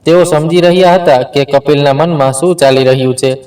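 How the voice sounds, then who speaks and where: A man narrating an emotional story in a steady, earnest way. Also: a little high, fairly quick, recorded from a distance, rough recording.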